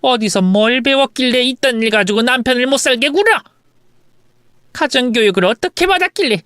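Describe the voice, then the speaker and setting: A woman doing a shrill scolding mother-in-law. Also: animated, fairly quick, smooth, no echo, studio quality. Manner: shouting, scolding.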